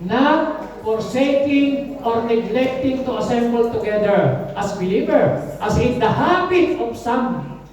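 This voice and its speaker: Woman pastor preaching, high voice, big echo, sounds far from the mic. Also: lively intonation, slow, a little mellow. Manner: call-and-response, often calling out "Amen". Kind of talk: sermon. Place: church. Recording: echoey room, mic far off.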